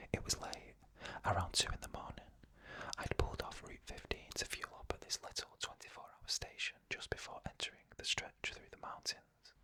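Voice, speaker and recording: Creepy stories told in the first person come from this ASMR storyteller, who reads them in a soft whisper with no voicing. Each phrase is delivered slowly and deliberately.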